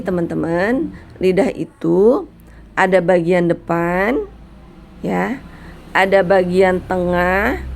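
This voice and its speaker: Middle-aged woman as a kind, encouraging recitation tutor; slow delivery, slightly low pitch. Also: creaky. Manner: gentle, encouraging, demonstrates sounds slowly. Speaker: Quran recitation teacher. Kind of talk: patient spoken lesson on letter pronunciation.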